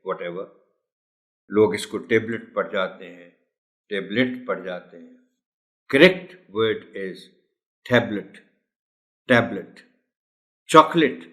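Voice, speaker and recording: A man teaching English word pronunciation to teachers, saying each word slowly and repeating it. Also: medium pitch, a bit bright. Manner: slow, deliberate model pronunciations of English words. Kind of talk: pronunciation lesson.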